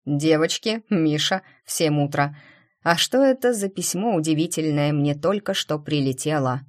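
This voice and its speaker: A woman's voice: low-pitched, normal speed, darkish tone, close to an everyday voice. A woman doing a wry, cheerful man.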